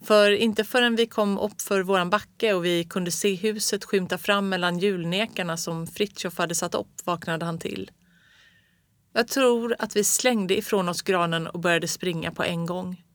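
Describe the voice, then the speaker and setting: A calm, even storyteller reading a children's book aloud. The pitch sits in a middle range. The recording is dry, with no room sound. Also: no room sound. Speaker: narrator.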